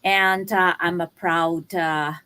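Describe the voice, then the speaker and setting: A woman's voice: fairly low pitch, fairly even intonation, slow pace, sharp tone, clear, resonant tone, low-quality recording. An older woman and grandmother introducing herself hesitantly on an online panel. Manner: hesitant, with fillers.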